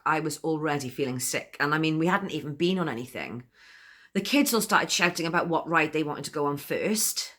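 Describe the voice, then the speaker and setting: An actress performs a comic spoken monologue as a chatty, giggly woman confiding her story, laughing often between sentences. Her voice is low and a bit bright.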